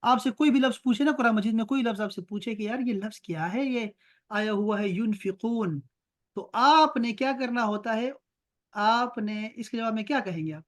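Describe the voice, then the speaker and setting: A man with an Urdu accent teaching Arabic grammar in an online class, explaining patiently, slowly chanting verb patterns and checking that students follow. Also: high-pitched. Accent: Pakistani Urdu.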